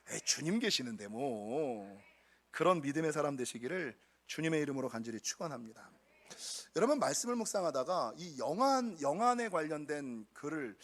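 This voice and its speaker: A middle-aged male pastor preaching a sermon, addressing the congregation directly and acting out quoted voices. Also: fairly high pitch. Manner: animated, acts out quoted voices.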